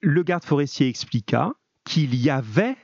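A man's voice: fairly high pitch, lively intonation, unhurried, creaky, a little mellow, no echo, lo-fi sound. A man teaching a live online grammar class, encouraging and chatty with many fillers, heard over a video call.

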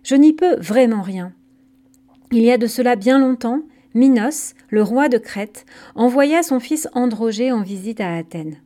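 A woman's voice: a little high, moderate pace, hardly any pauses, mellow, lightly acted. A woman reading aloud as an aging king who answers in a stammering, defensive way. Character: aging male king, evasive and troubled.

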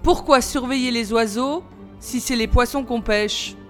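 A sulky teenage boy from a storybook grumbles through his lines at a slow, heavy pace, voiced by a woman reading aloud. He sounds reluctant and sore. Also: fairly high pitch, soft background music, natural voice. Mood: grumbling. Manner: slow, complaining.

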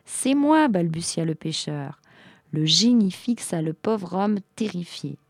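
A woman narrating a fairy tale in a calm, even storytelling manner. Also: lowish voice, unhurried, vocal fry, no room sound, studio quality.

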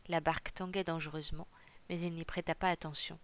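A narrator reading a novel chapter aloud for a podcast in a measured, even storytelling manner. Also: mid-range voice, clear, resonant tone. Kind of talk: audiobook reading.

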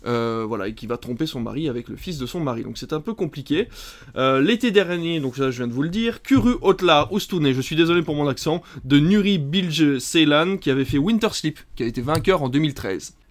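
A man's voice: fairly high pitch, animated, fairly quick. A man hosting a casual film podcast, reading a long list of titles with many hesitant fillers. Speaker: podcast host.

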